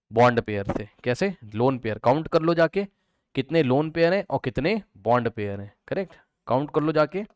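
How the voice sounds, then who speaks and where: A man's voice: a little high, smooth, no echo. A man teaching chemistry to students in a lecture, who asks questions and answers them himself and repeats the key terms.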